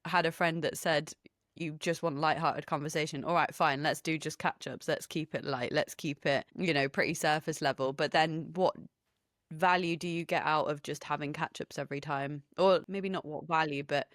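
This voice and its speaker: Lively woman, podcast co-host. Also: sits low, no echo, clean studio sound. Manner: lively, questioning, quick to laugh. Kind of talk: casual chat.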